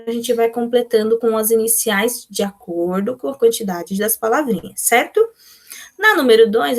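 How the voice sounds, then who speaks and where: Patient Brazilian woman teacher. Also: a little high. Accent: Brazilian Portuguese. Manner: patient, explains step by step, answers pupils' imagined questions. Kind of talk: remote class walkthrough of textbook exercises.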